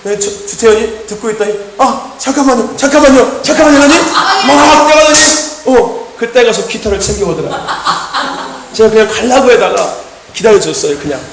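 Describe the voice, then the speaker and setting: High-voiced male preacher in an echoey church. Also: brisk, noisy background. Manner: animated storytelling with shouted emphasis and repeated amen calls. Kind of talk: sermon. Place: church hall. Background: congregation answering amen.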